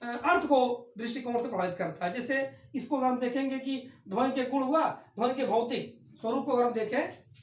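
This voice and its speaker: A woman's voice: high-pitched, moderate pace. A woman teaching an online class, explaining terms by asking questions and then answering them herself. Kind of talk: online lecture on Hindi phonetics. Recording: echoey room.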